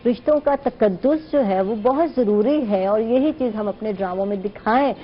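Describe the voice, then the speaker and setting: A woman's voice: fairly high pitch, moderate pace, highs cut off, a little hiss or hum. A woman hosting a talk show, giving her opinions earnestly with rhetorical questions. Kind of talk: casual talk show conversation.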